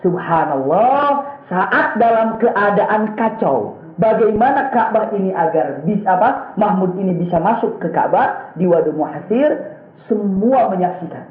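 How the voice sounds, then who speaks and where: A man delivers a storytelling sermon in a high voice, acting out each character and chuckling as he goes. The sound is thin and phone-like, with a lot of room echo around him. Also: measured pace. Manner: animated, acts out characters with raised pitch, chuckles often. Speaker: preacher. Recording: echoey room on a tinny phone-like line.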